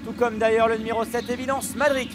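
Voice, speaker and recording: A man's voice: extremely high pitch, flat delivery, fast, noisy background. A man calling a live horse race as a commentator, listing runners and their positions in a continuous flow.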